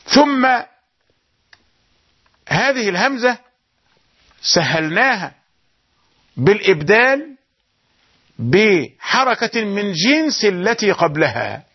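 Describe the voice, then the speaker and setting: A man teaching the rules of Quran recitation, explaining each point and then slowly chanting the example verses. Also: high-pitched, big pitch swings, slightly rough, dull audio. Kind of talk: tajweed lesson with chanted verses.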